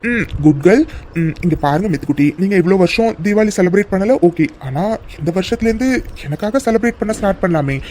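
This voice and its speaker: A man voicing a doting young man in a cartoon love story, teasing and then gently comforting his crying sweetheart. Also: high voice, animated, quick pace. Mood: coaxing. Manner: coaxing, affectionate and teasing. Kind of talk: cartoon voice acting.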